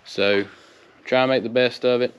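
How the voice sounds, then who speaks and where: A man's voice: medium pitch, steady tone, normal speed, clear, resonant tone, dull audio. Southern US man, under the weather. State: under the weather, sounds sick. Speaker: DIY vlogger. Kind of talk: casual project vlog.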